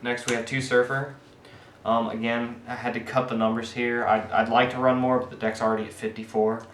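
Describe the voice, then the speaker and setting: A man casually walking through his card game deck, explaining his picks in a halting way full of fillers and restarts. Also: medium pitch, level tone, a bit bright. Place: indoor room with friends nearby. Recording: echoey room with faint background hiss.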